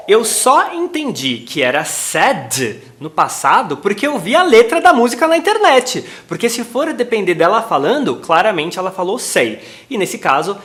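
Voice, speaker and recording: A man with a Brazilian Portuguese accent, an English pronunciation teacher, giving a playful, chatty video lesson that talks straight to his viewers. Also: fairly high pitch. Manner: animated and chatty, addressing viewers directly.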